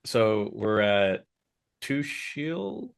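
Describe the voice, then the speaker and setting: Lively low-voiced man at a game table. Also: vocal fry, crowd noise. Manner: halting, repeats words, tallies dice aloud. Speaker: player. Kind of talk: casual tabletop play.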